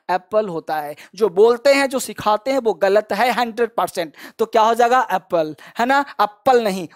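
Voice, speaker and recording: Male English teacher with a fairly high voice, drills phrases slowly and encourages learners. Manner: drills example sentences slowly and repeatedly; encouraging, chatty asides to learners. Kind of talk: online language lesson.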